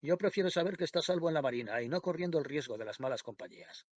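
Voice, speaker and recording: A man's voice: on the high side, animated, very fast, no room sound, voice pushed up. A man voicing a stiff, dogged middle-aged country vicar in an audiobook.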